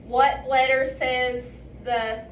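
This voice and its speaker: High-voiced woman teacher, far off. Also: level tone, a little hiss or hum. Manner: patient, coaxing, repeats words slowly. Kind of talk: classroom phonics lesson. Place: classroom. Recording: echoey classroom from far off, dull lo-fi.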